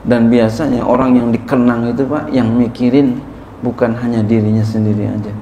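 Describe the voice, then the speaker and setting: A man, a kiai giving a sermon-style lesson on a classical text. He reads Arabic lines, then explains them in casual Indonesian with lively emphasis. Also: medium pitch, normal speed, a little hiss or hum. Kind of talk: sermon-style kitab study. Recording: echoey room with faint ambience.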